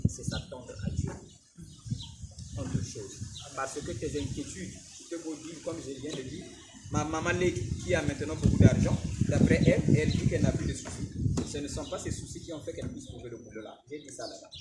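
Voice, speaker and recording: A man's voice: on the high side, far from the mic, very noisy. A man preaching a sermon who keeps asking his listeners whether they follow him. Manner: animated, questioning the congregation.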